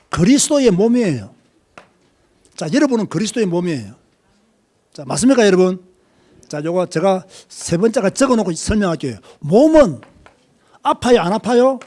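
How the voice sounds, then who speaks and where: Lively Korean preacher. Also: male voice, high-pitched. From Korea, Busan. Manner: lively preaching, questions to the congregation. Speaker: pastor. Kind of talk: sermon.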